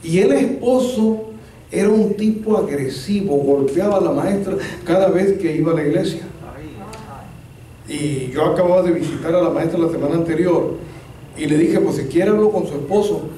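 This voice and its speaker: A man's voice: on the high side, moderate pace, mellow, a little hiss or hum. A male pastor, telling a humorous story as part of a sermon. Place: church. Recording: echoey church hall, distant mic.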